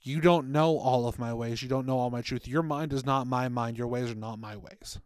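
A man's voice: mid-range voice, moderate pace. A man speaks in a mid-range voice, earnest and chatty as he retells a story for a faith podcast. The room sounds dry and close, with no echo. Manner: earnest, conversational, retells stories with acted quotes. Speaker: podcast co-host, former children's ministry worker.

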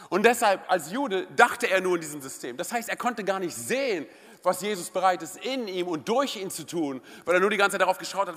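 A high-pitched pastor delivers an energetic, conversational sermon to his congregation, frequently tossing out a quick "oder?" to check in with them. He's speaking in a church service hall, and the recording carries the live reverb of the room.

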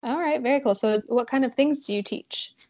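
A woman hosting a podcast, reading an introduction and asking interview questions in a friendly, measured way. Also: high-pitched, darkish tone, no echo, clean studio sound. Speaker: podcast host.

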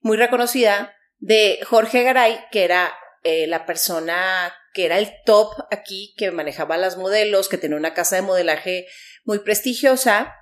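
A woman's voice: mid-range voice, normal speed. A middle-aged woman from Chihuahua, telling stories as an interview guest in a chatty way, full of fillers. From Chihuahua, Mexico. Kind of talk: casual storytelling interview.

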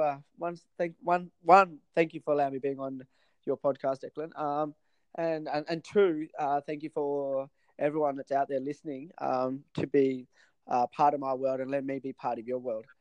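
A man's voice: fairly high pitch, fairly even intonation, dry recording, poor audio. A man, a podcast guest talking casually with lots of fillers and restarts. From Sri Lanka. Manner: halting, many fillers and restarts. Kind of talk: casual interview chat.

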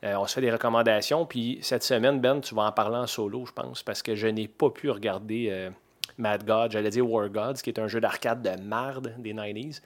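A man's voice: fairly low pitch, fairly even intonation, normal speed. A man in his forties with a Québécois accent, hosting a podcast in a loose, chatty way full of fillers and restarts. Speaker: podcast host. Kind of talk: casual podcast chat.

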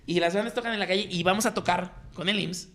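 A man's voice: high-pitched, fairly even intonation, quick pace, a bit bright. A man in his thirties with a Mexican accent, telling his story in slangy casual chat and acting out the voices of people he quotes. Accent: Mexican Spanish.

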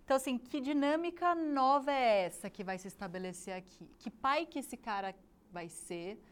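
Uma mulher apresentando uma conversa casual, refletindo em voz alta e fazendo perguntas às convidadas. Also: female voice, on the high side, normal speed, smooth. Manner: reflective, asks probing questions. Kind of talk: casual chat.

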